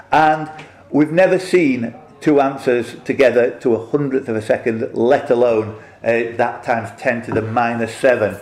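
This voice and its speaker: A mature male quiz host with a medium-pitched, slightly mellow voice speaks off the cuff, joking and rambling as he gives a casual introduction and chats with players. He's indoors in a quiet room of a pub, and the small space gives the recording a roomy echo.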